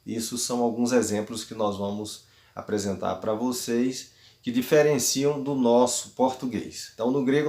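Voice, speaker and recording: A man giving a recorded grammar lesson as a teacher, explaining patiently and repeating words slowly syllable by syllable. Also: mid-range voice, echoey room. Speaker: Greek teacher.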